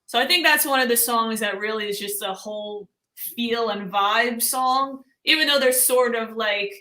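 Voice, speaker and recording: A guest musician with a Long Island accent chats casually during a live-stream interview, frequently trailing off and laughing. Her voice is a little high with a sharp tone, and she speaks at normal speed.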